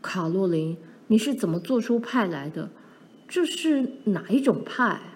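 A woman voicing a pioneer father who speaks in a slower, lowered, measured way. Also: darkish tone, a little hiss or hum, natural voice. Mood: delighted. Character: pioneer father, grown man, puzzled and steady.

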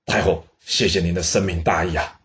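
A man voicing an elderly court minister who speaks slowly, politely and persuasively. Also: sits low, fairly even intonation, fairly bright tone. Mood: coaxing.

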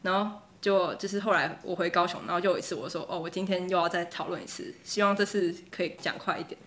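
Fast, bright Taiwanese woman telling stories. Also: lowish voice, fairly even intonation, a little hiss or hum. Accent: Taiwanese Mandarin. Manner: chatty storytelling, laughs often. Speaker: podcast co-host. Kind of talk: casual chat.

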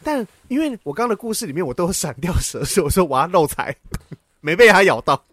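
A man's voice: high-pitched, very animated, fast talker, a bit bright, no room sound. A man co-hosting a casual chat podcast, dramatically retelling a story with laughs and the odd swear. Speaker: podcast co-host.

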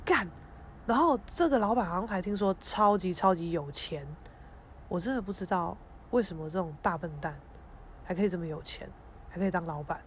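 A young woman hosts a podcast. She tells stories in a frank, expressive, emotional way and swears casually. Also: on the low side, fairly quick, a little hiss or hum. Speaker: podcast host. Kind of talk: casual storytelling monologue.

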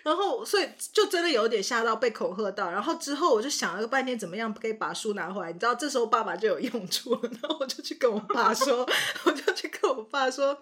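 A young woman co-hosting a casual podcast, telling childhood stories in an animated way and acting out her parents' lines. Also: on the high side, quick pace, hardly any pauses. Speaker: podcast co-host. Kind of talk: casual chat.

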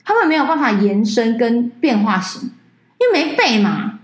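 A woman, co-hosting a casual chat podcast and telling stories animatedly, acting out the people she quotes. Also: normal speed. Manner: animated storyteller, acts out quoted voices with big pitch jumps. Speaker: podcast co-host. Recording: echoey room.

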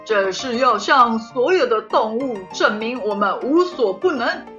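A woman's voice: fairly high pitch, lively intonation, measured pace, a bit bright, highs cut off, soft background music. A woman voicing a boastful, domineering male termite king in a pompous, declamatory children's storybook manner. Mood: proud, pompous.

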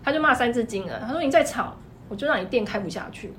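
A woman with a Taiwanese Mandarin accent, a clothing shop owner telling stories in an animated, emphatic way. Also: fairly high pitch, slight background noise. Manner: animated, fast-talking, emphatic. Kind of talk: casual storytelling chat.

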